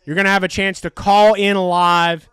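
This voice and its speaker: A man hosting a live race stream, giving excitable, profane, jokey commentary. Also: sits high, moderate pace, clear, resonant tone, no echo, clean studio sound.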